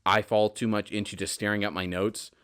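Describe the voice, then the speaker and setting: Speaking fairly quickly with a clean tone, this twenty-something solo podcast host has a fairly low voice and a relaxed manner. He wanders off track, interrupting himself and doubling up on words. Emphatic moments alternate with softer asides in his lively delivery.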